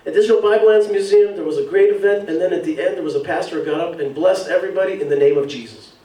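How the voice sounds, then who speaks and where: A man's voice: high voice, rapid-fire, dark tone, roomy sound, recorded from a distance, low-quality recording. A man giving an emphatic public speech from a podium at an evening event, repeating and building his phrases. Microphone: podium mic.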